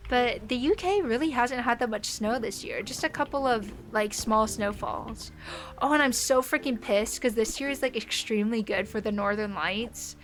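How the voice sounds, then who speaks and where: A young woman talks casually to her live stream audience, rambling from one thought to the next. Her voice sits a little high and she fills her sentences with "like". Quiet music plays softly behind her home mic setup. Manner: chatty and rambling, many "like" fillers, light laughs.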